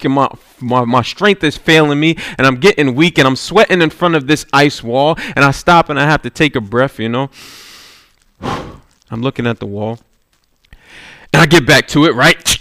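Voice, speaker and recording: A man's voice: mid-range voice, moderate pace, bright, forceful tone, no room sound, clean studio sound. A man preaching a sermon, telling a personal story and checking in with the congregation as he goes, often with "right?". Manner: storytelling, with rising intensity and repeated "right?".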